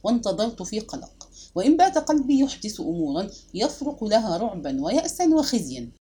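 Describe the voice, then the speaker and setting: Expressive, breathy woman narrating a novel. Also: mid-range voice, fairly quick. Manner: expressive, dramatic storytelling. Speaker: audiobook narrator. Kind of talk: literary audiobook narration.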